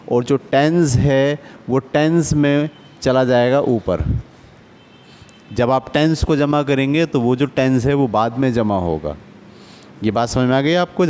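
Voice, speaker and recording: A man's voice: medium pitch, darkish tone. A man teaching a basic math lesson to adults, patient and often checking that the class follows. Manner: patient, asks checking questions.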